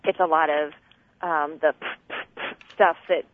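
A woman's voice: low voice, steady tone, normal speed, dry recording. Woman caller on a clipped phone line. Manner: explains earnestly, with fillers and restarts. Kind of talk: call-in radio chat. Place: in a car. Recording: tinny dry phone line.

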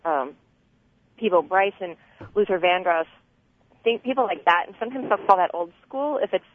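A woman's voice: fairly low pitch, slight background noise. A woman calling into a radio show from her car over a clipped phone line, explaining things earnestly with fillers and restarts. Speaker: caller. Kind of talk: call-in radio chat. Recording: tinny dry phone line.

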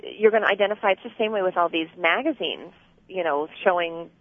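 This caller to a radio chat show is a woman phoning from her car, her low voice moving a little fast. The thin, dry phone line is clipped and has no room sound, and she explains things sincerely with fillers and restarts.

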